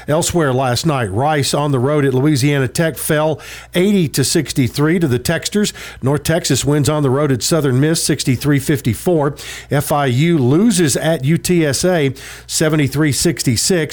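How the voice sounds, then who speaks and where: A man's voice: a little high, darkish tone. An American man reading a radio sports report as a broadcaster, in a polished, emphatic announcer delivery with occasional hesitations. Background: music behind the voice.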